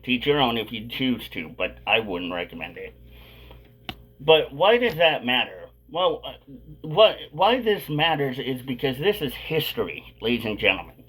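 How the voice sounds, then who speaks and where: A man's voice: medium pitch, a bit bright, breathy edge, low-quality recording. A man hosting a casual vlog, talking with a dip of chewing tobacco tucked in his lip. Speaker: video host.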